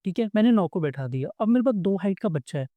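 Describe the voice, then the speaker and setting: In a casual coding lesson, a man with a high, expressive voice talks fast, treating viewers as friends and performing short back-and-forth exchanges. The audio is narrow and tinny, with no room sound.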